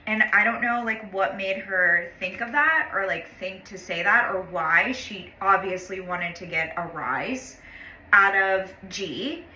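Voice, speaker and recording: Bright-voiced woman, casual storytime. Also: mid-range voice, measured pace. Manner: chatty, heavy use of "like", frequent swearing; blunt and exasperated when describing others. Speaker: vlogger telling a personal story. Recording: roomy echo.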